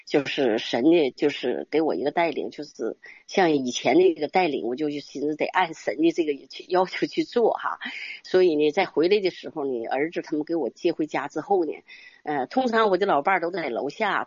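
A woman's voice: low-pitched, darkish tone, breathy edge, no room sound, lo-fi sound. An older woman giving an earnest, rambling religious testimony, often ending phrases with little tag particles. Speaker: church member giving testimony. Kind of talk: casual spoken religious testimony.

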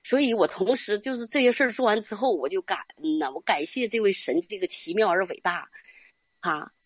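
An older woman, a church member, gives an earnest and rambling religious testimony in a casual spoken style, often closing phrases with little tag particles. Her mid-range voice is slightly rough and a little fast, and the recording is dry and dull.

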